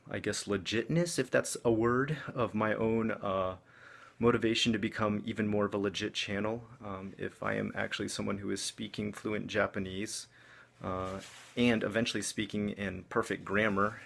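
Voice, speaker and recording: A man talks to his viewers in a casual vlog style. His voice sits on the low side with a strong vocal fry. He rambles conversationally and is openly self-deprecating. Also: a bit bright. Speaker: vlogger. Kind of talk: casual vlog update to camera.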